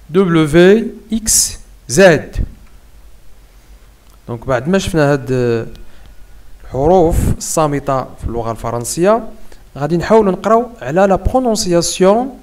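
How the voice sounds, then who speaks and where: A man with a Moroccan accent teaching French letters, repeating each word slowly and spelling it out syllable by syllable. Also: sits high, darkish tone. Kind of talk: slow classroom lesson.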